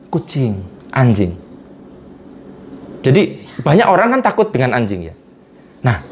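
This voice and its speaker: A man's voice: a little high, a little hiss or hum. A man in a casual interview, explaining with everyday examples and chuckling often. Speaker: guest speaker on vibration and energy.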